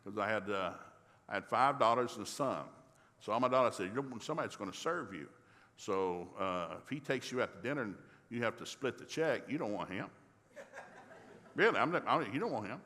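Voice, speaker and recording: A middle-aged man preaching in a church, telling a folksy, humorous story and acting out the dialogue in lively voices. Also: on the low side, brisk. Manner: folksy, animated, acts out dialogue. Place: church sanctuary. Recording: long reverb of a large hall.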